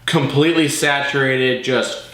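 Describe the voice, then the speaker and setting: A man's voice: mid-range voice, steady tone, a little slow, a bit bright. A man co-hosting a casual movie review chat, talking like an enthusiastic fan with plenty of swearing and slang. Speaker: co-host of a movie review show. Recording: roomy, echoey room.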